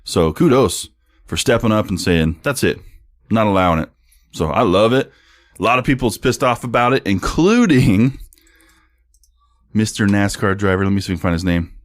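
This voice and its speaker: Blunt, deep-voiced young man, sports podcast. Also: animated, moderate pace, dry recording, clean studio sound. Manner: blunt, profane, laughs often, reads tweets aloud. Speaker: podcast co-host. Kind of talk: casual sports podcast chat.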